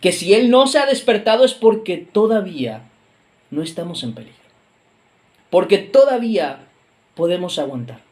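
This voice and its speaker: A man's voice: high voice, very animated, normal speed, pauses often, darkish tone. A man preaching a video sermon in a conversational, emphatic way, with reflective asides and self-corrections.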